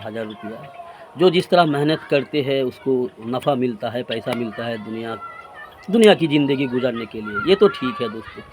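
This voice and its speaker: A man in his forties delivering an earnest, reproachful religious sermon to his friends, piling up repeated phrases. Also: medium pitch. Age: 40s. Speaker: preacher.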